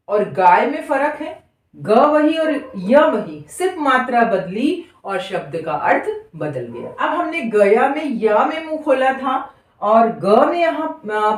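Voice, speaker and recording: A woman teaching beginners to read Hindi, sounding words out syllable by syllable and drawing them out. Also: on the high side. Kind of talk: slow spoken lesson. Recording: echoey room, voice from a distance.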